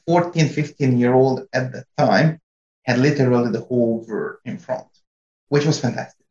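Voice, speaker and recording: A middle-aged man from Hungary, a company IT chief answering interview questions in a measured, slightly halting way. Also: mid-range voice, darkish tone. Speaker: guest, company CIO. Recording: roomy, dull-sounding remote line.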